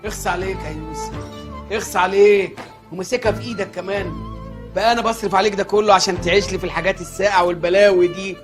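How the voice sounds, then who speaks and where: A man's voice: high voice, steady tone, very fast, natural voice. An actor with an Egyptian accent playing a devout middle-aged father who owns a chicken shop, scolding and pleading in a comedy sketch. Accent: Egyptian Arabic. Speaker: comic actor. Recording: faint music behind.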